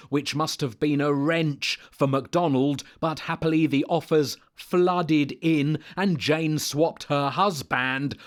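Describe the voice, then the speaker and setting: Slow deadpan man narrating. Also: fairly high pitch. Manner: deadpan pun-laden delivery. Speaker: satirical narrator. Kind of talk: scripted comic narration.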